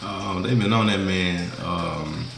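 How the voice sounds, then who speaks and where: A man's voice: low voice, slow pace, creaky, roomy sound, background noise. A young man with a rural Mississippi Southern accent, chatting casually and colloquially to viewers as a food vlogger. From Mississippi, USA. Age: young adult. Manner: colloquial, folksy, informal slang. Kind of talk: casual mukbang chat to viewers. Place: small indoor room, seated at a table.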